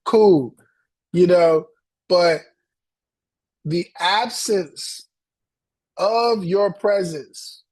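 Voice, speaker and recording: A man hosts a motivational coaching call in an unhurried, halting way, circling back over his words and growing choked up. His voice sits high for a man. The sound is dry, with little room around it. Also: darkish tone, no room sound. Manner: emotional, halting, repeats words, choked up reading a testimony.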